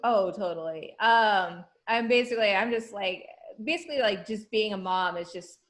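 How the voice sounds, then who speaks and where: A woman's voice: medium pitch, moderate pace, poor audio. A middle-aged woman doing dry stand-up comedy over a video call, with lots of laughing and filler words. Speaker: comedian guest.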